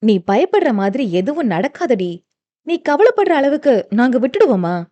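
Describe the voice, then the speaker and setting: A woman voicing a young man who comforts a friend and handles a phone call in a quick, brisk way. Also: sits high, very animated, mellow. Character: brisk young man Aarav, brotherly and businesslike.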